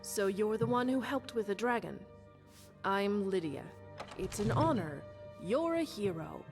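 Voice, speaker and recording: A blunt young bodyguard, voiced by a woman who speaks frankly and with a bitter edge. Her pitch sits at an average height. The lines come from modded video game dialogue. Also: animated, measured pace, music in the background. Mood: resentful. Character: blunt young female bodyguard, resentful but honest.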